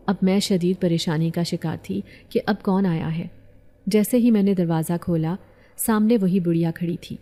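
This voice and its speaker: Mellow-voiced woman narrating a story. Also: on the low side. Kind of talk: first-person story narration.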